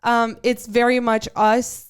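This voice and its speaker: A young woman co-hosting a podcast in casual chat, speaking in earnest, measured explanations. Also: on the high side, little pitch movement, smooth. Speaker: podcast co-host.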